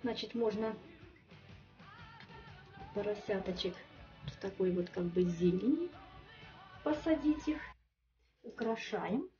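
Mellow and mid-range, a woman speaks slowly with long pauses as she guides listeners through a home recipe step by step. Seated at a kitchen table, she's chatty and homely, using frequent little fillers, and the muffled, distant recording has faint music playing.

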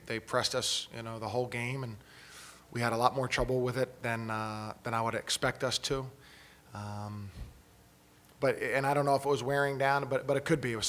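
A man in his thirties, a head coach answering questions at a postgame press conference, talking in halting phrases with many restarts, into a table mic in a press room. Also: medium pitch, fairly bright tone.

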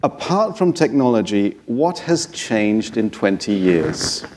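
A man moderating a conference panel on stage, brisk and engaging the audience with questions. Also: lowish voice, sing-song, darkish tone.

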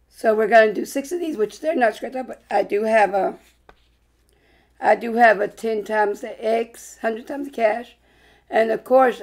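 A woman hosting a casual vlog about scratching lottery tickets, sounding hoarse and a little congested while chatting in an upbeat way with bursts of excitement. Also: fairly high pitch.

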